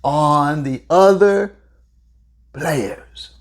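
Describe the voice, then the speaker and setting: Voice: mid-range voice, very slow. A basketball podcast host giving solo sports commentary, talking straight to listeners and drawing out words for emphasis.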